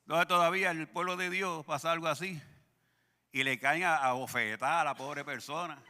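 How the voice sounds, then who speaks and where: Guy pastor preaching in a church, high sharp voice, jokes around with the crowd, long echo in the hall. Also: steady tone, moderate pace. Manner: humorous, calls out to the congregation. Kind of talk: sermon. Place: church sanctuary.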